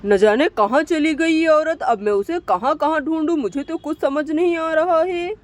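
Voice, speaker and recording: A woman's voice: normal speed, close to an everyday voice. A woman voicing an abusive, hot-tempered village husband in a doll story, threatening and blustering. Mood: menacing. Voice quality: high-pitched woman's voice.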